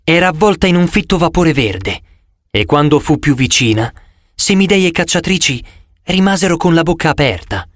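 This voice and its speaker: A man reading a story aloud in first person as an audiobook narrator, in an expressive, dramatic way. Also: a little high, moderate pace, dry recording, studio quality.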